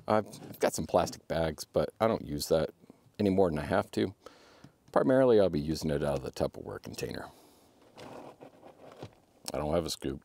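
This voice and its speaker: Casting: thirties man, deep gravelly voice, easygoing outdoorsy vlogger, lively delivery. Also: dry recording. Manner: laid-back, chatty, talks to his dog. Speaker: overlanding vlogger. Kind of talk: casual how-to vlog. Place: outdoors at a wooded campsite.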